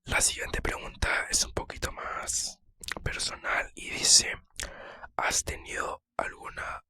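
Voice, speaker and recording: A man speaking in a close-miked ASMR whisper, casually answering personal questions with hesitant, soft pauses. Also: no room sound.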